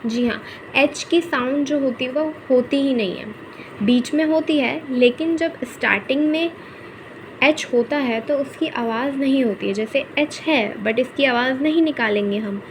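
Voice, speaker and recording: A woman's voice: sits high, a little slow, a little hiss or hum, poor audio. A woman teaching a Spanish pronunciation lesson in Hindi, repeating each example word patiently and saying "okay" often.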